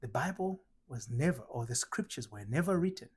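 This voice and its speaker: Slow and emphatic, a middle-aged identity transformation coach from Tanzania poses rhetorical questions during a spiritual teaching talk. He sounds animated and husky, with a mid-range voice.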